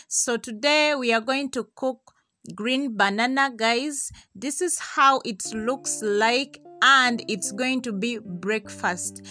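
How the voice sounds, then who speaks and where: Vlogging in a village yard, a young Ugandan woman, a Luganda first-language speaker, talks casually to a camera on a tripod a few meters off, greeting her "guys" and thanking viewers again and again. Her voice is fairly high, slow and sharp, recorded dry with faint music behind.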